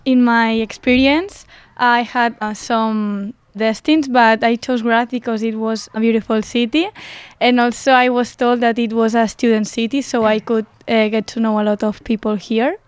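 A young woman speaks as a guest on a student radio show. She picks her English words carefully and pauses often, in a slightly high, clear voice recorded dry and close. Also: fairly even intonation, no echo. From Catalonia. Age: young adult.

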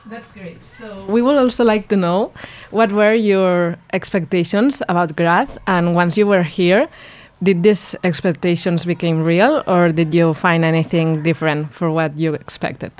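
A young woman hosting a campus radio show, reading her lines in a clear, measured, welcoming way. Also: fairly low pitch, steady tone, a little mellow.

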